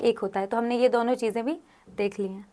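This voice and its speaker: High-voiced woman teaching grammar. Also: fairly even intonation, fast, mellow. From India. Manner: frequent check-in questions to students. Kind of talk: explanatory classroom lesson.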